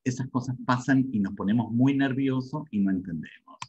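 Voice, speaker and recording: A man's voice: mid-range voice, moderate pace, mellow, husky, muffled recording. A man giving a webinar lecture on learning English, repeating himself and checking in with the audience often.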